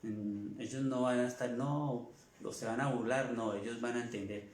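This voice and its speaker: A middle-aged man, a native Spanish speaker, giving a French class lecture, repeating his advice slowly and asking rhetorical questions. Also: mid-range voice, fairly even intonation, a little mellow, reverberant. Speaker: French teacher.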